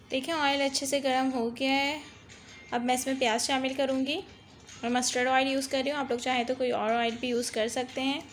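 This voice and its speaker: This cooking-channel host has a high voice and a flat, fairly quick delivery, with faint music playing behind her. She voices over a recipe one step at a time, leading viewers through each stage and repeatedly using "dekhiye" as she instructs.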